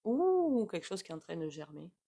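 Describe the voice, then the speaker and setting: A woman's voice: sits low, fairly even intonation, very fast, vocal fry, darkish tone. A woman with a regional French accent giving a casual, rambling tarot reading to her viewers, with frequent "hein" asides. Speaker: tarot reader.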